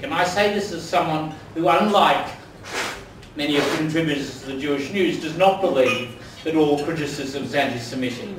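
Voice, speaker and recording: Picked up from afar in an echoey hall, an older man with an Australian accent delivers an after-dinner speech in a big dining room, telling wry anecdotes with plenty of ums. His voice is on the high side, with slight background noise.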